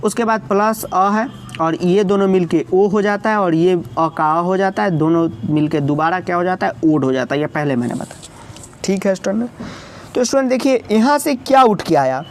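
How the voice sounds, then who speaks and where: A man's voice: high-pitched, normal speed, slight background noise. A male teacher explaining grammar step by step, often calling out to his students, repeating himself and correcting his own slips.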